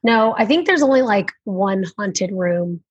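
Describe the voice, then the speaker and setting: Hoarse woman in her thirties, dry-sounding. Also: medium pitch, expressive, a little slow, dry recording, muffled recording. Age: 30s. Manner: joking, laid-back. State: hoarse, voice worn from yelling. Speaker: podcast co-host. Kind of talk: casual chat.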